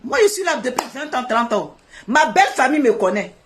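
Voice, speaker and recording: A middle-aged woman, seated indoors, delivering an emotional and defiant monologue, swinging from loud outbursts to quiet mutters. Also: high voice, big pitch swings, brisk, slight background noise. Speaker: online personality addressing a rival. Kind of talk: emotional live video monologue.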